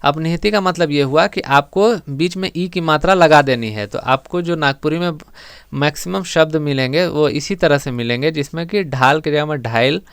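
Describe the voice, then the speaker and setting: A man teaching an exam-prep grammar lesson, explaining step by step and repeating words slowly for emphasis. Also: fairly high pitch, a bit bright, clear, resonant tone, no echo, studio quality.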